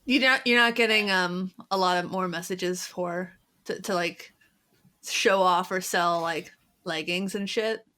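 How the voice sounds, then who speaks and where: A woman's voice: on the low side, unhurried, bright, forceful tone. A woman from Seattle hosting a podcast, chatting playfully over a video call and laughing often. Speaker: podcast host. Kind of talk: casual chat.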